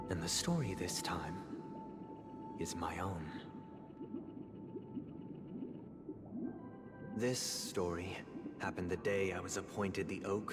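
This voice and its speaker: In a theatrical video game monologue, a deep-voiced male family head, grave, polite and melancholy, recounts tragedies in a somber, apologetic mood. His delivery is measured, solemn and formal, with rhetorical pauses. Long reverb colors the recording, and loud game music plays behind him.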